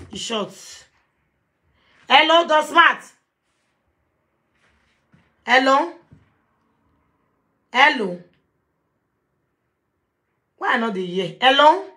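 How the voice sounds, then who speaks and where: A woman with a Nigerian accent hosting a live video call, animated and confrontational, mixing Pidgin English. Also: fairly high pitch, slow pace, long pauses. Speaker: talk show host.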